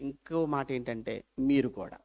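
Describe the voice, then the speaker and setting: A man preaching a sermon as pastor, animated, firing rhetorical questions and swinging from loud appeals to hushed asides. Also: medium pitch, measured pace.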